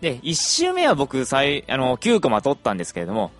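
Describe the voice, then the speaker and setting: Chatty young man with lively, swooping intonation. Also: mid-range voice, fast, faint music behind. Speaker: podcaster. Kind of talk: casual podcast monologue.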